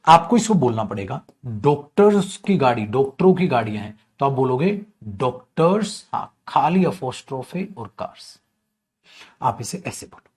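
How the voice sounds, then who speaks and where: A man teaching English grammar in an online class. He teases and coaxes his students, calls them "beta" and "chhutku", acts out their questions and drags key phrases out slowly for emphasis. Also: medium pitch. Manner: lively, teasing, addresses students as beta and chhutku.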